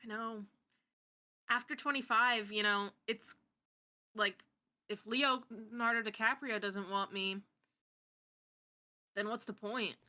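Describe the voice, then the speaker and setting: A woman in her twenties in a casual podcast chat, playful and teasing in quick banter. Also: fairly high pitch, steady tone, bright, forceful tone. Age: 20s.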